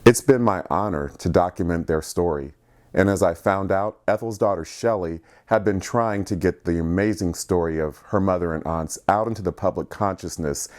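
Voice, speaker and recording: A man from Columbus, Ohio, a journalist, narrating a scripted personal story in a measured, reflective way. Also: low voice, a little mellow. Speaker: journalist and filmmaker.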